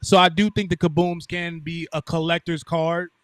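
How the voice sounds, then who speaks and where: A man co-hosting a casual podcast chat, talking over a laptop mic on a call, animated and restarting his sentences. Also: on the high side, normal speed, no room sound, clean studio sound. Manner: animated, repeats words when starting a point. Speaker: podcast co-host.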